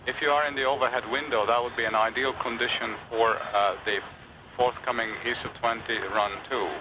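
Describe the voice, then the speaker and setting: A man's voice: mid-range voice, fairly even intonation, a little fast. A man working as a ground controller, talking technically and a little hesitantly over a crackly walkie-talkie style radio link to a spacecraft. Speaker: ground-based experiment controller.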